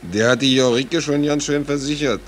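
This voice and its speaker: An actor playing a cynical, fatalistic ship's stoker in a radio drama, with a curt, sardonic manner. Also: male voice, mid-range voice, normal speed, slight background noise, close to an everyday voice. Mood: sardonic, resigned.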